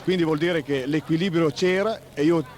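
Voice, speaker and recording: A man speaks as a football coach in a 1980s radio interview. His voice is fairly high for a man, and he picks formal, roundabout phrases with frequent halts. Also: a little mellow. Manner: halting, roundabout, formal wording. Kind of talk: post-match radio interview.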